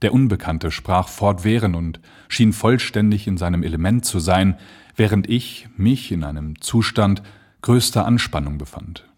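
A man narrating an audiobook in an expressive storytelling manner. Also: sits low, normal speed. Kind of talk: scripted narration.

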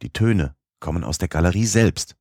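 A man voicing a desperate young man lost in the dark in an audiobook. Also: sits low, animated, normal speed, gravelly, slightly rough, no room sound, studio quality, exaggerated voice. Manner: desperate, strained.

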